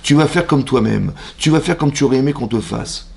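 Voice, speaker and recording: A rabbi gives his congregation a lively class in a synagogue classroom, speaking French sprinkled with Hebrew religious terms. He fires off rhetorical questions and plays both parts of imagined conversations. His voice is gravelly and medium-pitched, and he talks a little fast.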